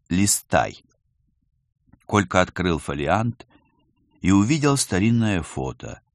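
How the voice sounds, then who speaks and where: A man narrates an audiobook in a low voice. His pitch rises and falls with lively expression, and the recording sounds dry and close. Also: no room sound. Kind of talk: scripted narration.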